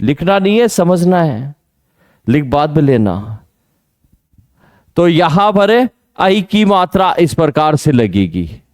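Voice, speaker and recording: Slow, deliberate coaching-class teacher man. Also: fairly high pitch, darkish tone, dry recording, clean studio sound. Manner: drills pronunciation with repeated questions to students. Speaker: Hindi grammar teacher. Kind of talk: exam coaching lesson.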